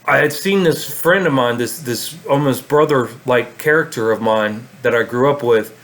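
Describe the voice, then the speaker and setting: A man's voice: mid-range voice, moderate pace, a bit bright. A man vlogging a casual storytelling monologue, rambling with many fillers and restarts.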